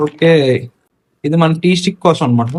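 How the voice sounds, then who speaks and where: This gear reviewer, a man with a Telugu accent, speaks at an ordinary pace in a fairly high voice. He casually unboxes and installs a product hands-on, sprinkling in English technical vocabulary.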